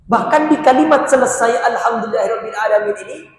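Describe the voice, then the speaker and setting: A man's voice: sits high, measured pace. A male preacher gives a sermon, asking his listeners questions and answering them himself. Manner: asks the crowd rhetorical questions and answers them. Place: large mosque hall. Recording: very echoey hall with long reverb, faint noise.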